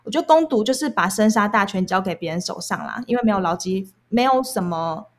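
A young woman with a Taiwanese accent shares her past work experiences as a guest in relaxed, candid storytelling. Her medium-pitched voice is expressive and quick.

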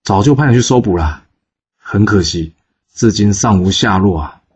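A man's voice: lowish voice, expressive, moderate pace, a little mellow, breathy edge, muffled recording. A man voicing a flustered, scheming ancient minister who speaks nervously and placatingly.

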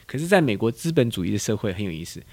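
Male host, 40s, Taiwanese Mandarin accent. Quick, animated and teacherly. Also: on the low side. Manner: animated, teacherly, quizzes his guest. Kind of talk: casual show-and-tell chat.

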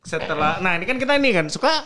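A man hosting a casual comedy podcast who fires off teasing questions at his guests. His pitch swings widely, and a crowd can be heard clearly behind him. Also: big pitch swings, rapid-fire. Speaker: podcast host.

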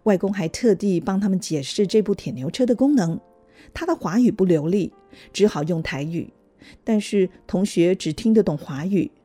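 A woman reading a children's story aloud in a gentle, even manner. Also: mid-range voice, normal speed, no echo, soft background music. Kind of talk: scripted storybook narration.

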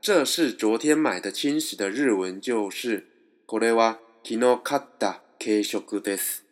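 Slow, patient male language teacher. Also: on the low side. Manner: explains step by step, switching between two languages. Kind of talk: slow, patient pronunciation lesson.

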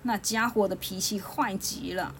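A woman plays a proud male mountain spirit from a children's storybook, gruff and scornful, who looks down on everyone around him. He talks with a sneer, sure of his own power. A faint hiss sits under the voice. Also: mid-range voice, expressive, a little slow, lightly acted. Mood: flustered.

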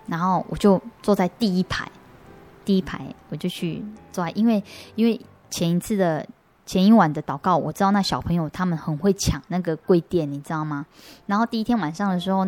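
A young adult woman, an interview guest giving an earnest personal faith testimony, halting and restarting her sentences often. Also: lowish voice, a little mellow.

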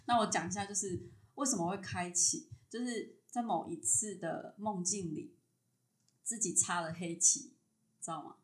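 Animated woman telling a story. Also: lowish voice, normal speed, roomy sound. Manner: animated, acts out dialogue in her story. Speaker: podcast guest. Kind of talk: casual storytelling chat.

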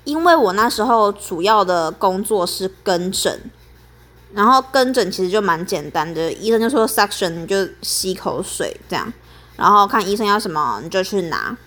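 A woman's voice: medium pitch, lively intonation, moderate pace, a bit bright. A young woman, telling a story as a podcast host in a chatty, aggrieved way.

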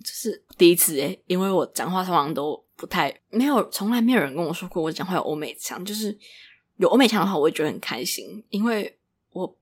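A woman's voice: lowish voice, a little fast, breathy edge. A young woman in her twenties with a Taiwanese Mandarin accent, telling stories in a casual solo podcast and mimicking the people she quotes. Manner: animated, mimics other people's voices in quotes. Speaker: podcast host.

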